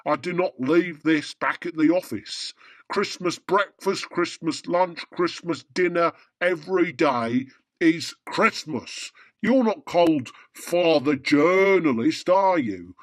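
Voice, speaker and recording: A man's voice: fairly high pitch, slow, dry recording, studio quality. A man playing a grumpy, self-important old Santa Claus in a radio drama, pompous and easily offended. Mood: indignant.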